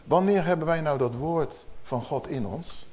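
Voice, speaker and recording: A man's voice: fairly high pitch, measured pace, a little mellow. A man preaching a sermon in a conversational teaching manner, asking the listeners rhetorical questions.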